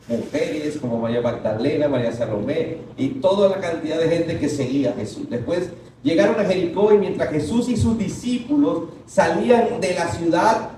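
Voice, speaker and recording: A man preaching a sermon to a congregation, leading them in call-and-response and breaking into shouted quotes. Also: fairly high pitch, slight background noise. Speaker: pastor. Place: large echoing church hall. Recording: echoey distant church recording.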